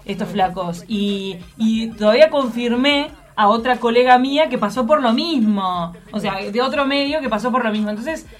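A woman's voice: a little high, moderate pace, few pauses. A woman with a posh Montevideo accent and a nasal, upper-class way of talking, hosting casual radio studio chat. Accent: posh Montevideo Uruguayan. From Montevideo, Uruguay. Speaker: radio show host.

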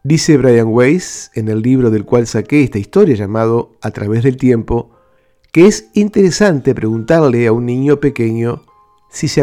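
A man hosting a radio program, calmly telling stories and reading out letters from listeners. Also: medium pitch. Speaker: radio host.

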